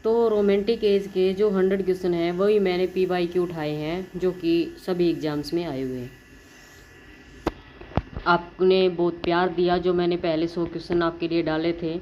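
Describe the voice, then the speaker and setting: A woman teacher giving an exam-prep lecture. She explains in Hindi and reads the English questions aloud slowly, often checking in with her listeners and correcting herself as she goes. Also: on the low side, steady tone, background noise. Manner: frequent self-corrections and "theek hai" check-ins.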